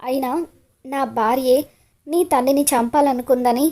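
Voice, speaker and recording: A woman's voice: sits high, steady tone, normal speed, dark tone. A woman voicing a stern middle-aged family head who demands answers. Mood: stern demanding.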